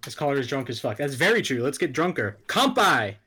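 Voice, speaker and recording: A man's voice: mid-range voice, fast, a bit bright, breathy edge, soft background music. A man co-hosting a casual chat who swears freely and makes fun of himself. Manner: swears freely, self-mocking. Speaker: podcast co-host.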